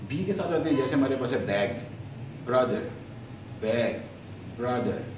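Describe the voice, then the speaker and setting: A man teaching the alphabet who asks a question and then answers it, slowly drawing out each example word. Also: mid-range voice, lively intonation. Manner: slow, drawn-out repetition of example words. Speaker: language teacher. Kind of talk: explaining the alphabet. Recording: echoey, from far off, faint noise.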